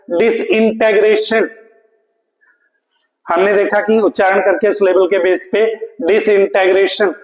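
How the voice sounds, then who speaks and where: High-voiced male teacher in an echoey room. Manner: questions then answers himself, calls students "beta", reads English lines slowly. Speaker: English teacher. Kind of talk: exam-prep lesson. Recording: echoey room with long reverb.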